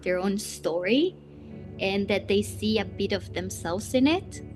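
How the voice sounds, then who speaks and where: A woman from Costa Rica, a watercolor artist in her thirties, talking thoughtfully about her work with many fillers. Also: mid-range voice. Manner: thoughtful, with frequent fillers and soft laughs. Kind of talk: reflective personal interview.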